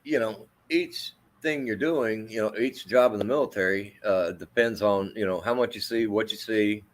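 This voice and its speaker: Being interviewed, a male army veteran in middle age relates a personal story. His deep voice carries well, but his delivery is halting, peppered with fillers and restarts.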